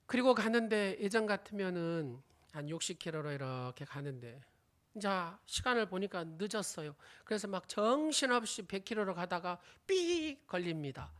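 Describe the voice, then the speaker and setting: A woman's voice: mid-range voice, lively intonation, moderate pace. A woman preaching a sermon, telling an illustrative story and quizzing the congregation with questions, her sentence endings often fading to a whisper. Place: church sanctuary.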